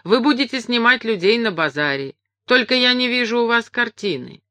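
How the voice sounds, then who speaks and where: A woman's voice: fairly high pitch, animated, normal speed, bright, forceful tone, no echo, voice pushed up. A woman voicing a middle-aged wife who speaks in a placating, eager way.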